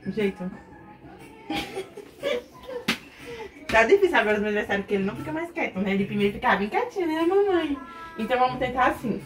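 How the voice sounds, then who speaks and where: A woman's voice: on the high side, sing-song, quick pace, long pauses, over music. A young woman, a mother filming a casual home vlog in a bedroom, cooing baby talk to her son and chatting to viewers with frequent laughs. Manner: laughs often while talking. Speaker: mother vlogging her baby's month birthday.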